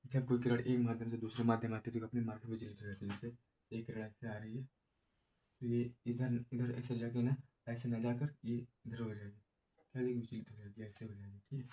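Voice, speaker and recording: Male teacher, monotone delivery, slow and repetitive, headache-weary exam lesson. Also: mid-range voice, husky, lo-fi sound. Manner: slow, repetitive explaining with many filler checks. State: has a headache. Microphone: no proper voice recorder.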